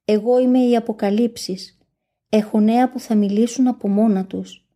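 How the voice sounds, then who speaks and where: A woman giving a solemn reading of a religious text in a steady, measured first-person recitation. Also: fairly high pitch.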